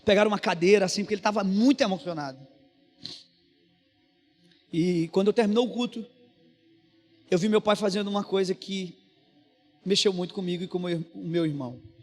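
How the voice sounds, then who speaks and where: Brazilian guy preaching in a church, pretty high voice, telling a story all earnest, big echoey room w faint music. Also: a little fast, long pauses. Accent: Brazilian Portuguese. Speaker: pastor. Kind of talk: sermon storytelling. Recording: reverberant church hall with music behind.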